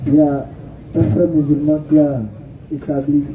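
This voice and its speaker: A man reading out scripture in a measured way at an outdoor preaching session. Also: fairly high pitch, little pitch movement, slight background noise. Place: outdoor public square. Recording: phone-like, echoey, distant.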